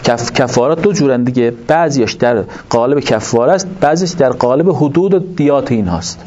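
A man giving a religious lecture to an audience, explaining points in an animated way and asking rhetorical questions. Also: mid-range voice. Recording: dull lo-fi recording with faint noise.

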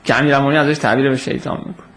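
A man giving an informal lecture on religious history, telling the story lively and answering questions from his listeners. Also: medium pitch. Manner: animated storytelling, acts out quoted voices, takes audience questions.

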